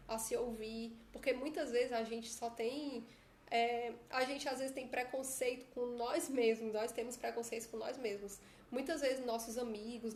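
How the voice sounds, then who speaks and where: A Brazilian woman, chatty and prone to tag questions, coaches her followers in a laid-back live stream on her phone, speaking with a Brazilian Portuguese accent. Her pitch is fairly high, and there's slight background noise in the echoey room.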